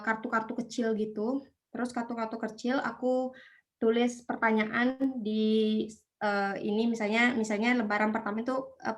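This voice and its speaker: A young woman from Indonesia chatting as an interview guest, hesitant with many fillers. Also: a little high. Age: young adult. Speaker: guest, student abroad. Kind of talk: casual online interview.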